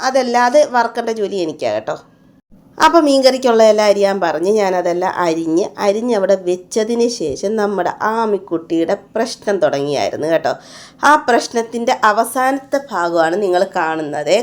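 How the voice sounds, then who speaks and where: A woman's voice: mid-range voice, a little mellow. Chatty woman vlogger narrating her day. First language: Malayalam speaker. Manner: chatty, often adds "you know" tags. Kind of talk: casual voice-over narration of a home day.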